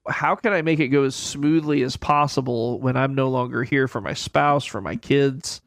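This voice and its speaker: A man of middle pitch explaining retirement money matters in a plain, folksy way, circling back to repeat his points. His voice is close and dry in a studio. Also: normal speed, dry recording. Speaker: financial advisor guest. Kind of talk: conversational expert explanation.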